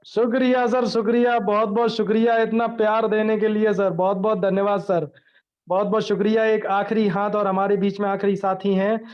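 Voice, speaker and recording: A man's voice: high-pitched, flat delivery, normal speed, clean tone, highs cut off. A man hosting an online training session, effusive and full of repeated thanks, heard through a video call.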